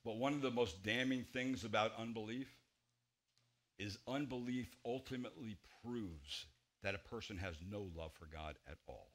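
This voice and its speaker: A man in his forties, a pastor preaching an expository sermon in a church, with emphatic stresses and quiet low drops. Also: normal speed. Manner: emphatic, gesturing widely, swings between loud stresses and quiet low drops. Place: church sanctuary at a pulpit.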